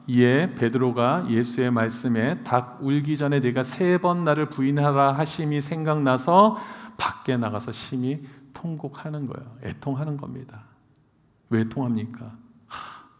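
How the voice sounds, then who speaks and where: A man's voice: mid-range voice, darkish tone. A male pastor preaching a sermon, addressing the congregation with frequent rhetorical questions. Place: church sanctuary. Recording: long reverb of a church hall.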